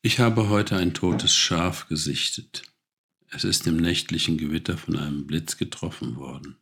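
A man voicing a wise, kindly old male stork in a storybook reading, with a gravelly, husky voice. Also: low voice, moderate pace, a bit bright, heavily acted.

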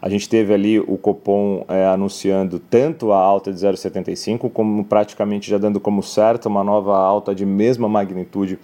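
A man with a low, warm, mellow voice, commenting on markets in a news segment. He explains at length, filling his sentences with tag questions and brief restarts. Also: little pitch movement, a little fast, hardly any pauses. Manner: explanatory, many filler "né" tags. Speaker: market analyst.

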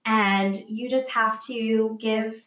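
A woman's voice: a little high, fairly even intonation, slow, a bit bright. Woman guest explaining, roomy sound. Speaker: podcast guest. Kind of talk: casual interview. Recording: roomy echo.

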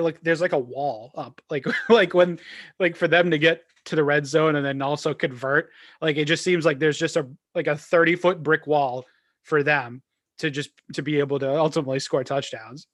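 Man co-host, fairly high voice, dry close sound, loose rambling sports chatter full of "like" and "you know.". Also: no echo. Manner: rambling, filler-heavy, restarts often. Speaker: podcast co-host. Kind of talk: casual sports chat.

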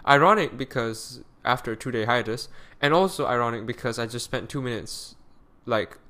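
A man talks alone into a close podcast mic at home, his voice tired and weary. He rambles, doubles back and fills pauses with "um" and "like" as he muses to his listeners. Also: medium pitch, sharp tone. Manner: rambling, self-correcting, with frequent fillers. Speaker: podcast host. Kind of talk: solo podcast monologue.

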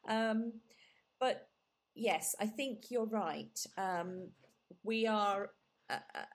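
In a casual conversational interview, a reflective English woman, Gujarati by first language, draws out her words at a medium pitch. Her manner is warm, with plenty of fillers and restarts.

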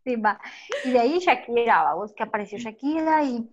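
A woman's voice: a little high, expressive, a little fast, highs cut off. A woman with a Guatemalan accent reminiscing in casual chat, full of filler tags. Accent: Guatemalan Spanish. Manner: chatty, peppers speech with "va" and "vos".

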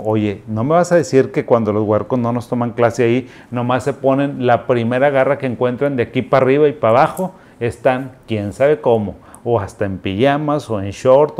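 A man's voice: mid-range voice, a little mellow. A male psychiatrist giving casual, folksy advice to parents in a conversational way. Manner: folksy, conversational, frequent "o sea" fillers.

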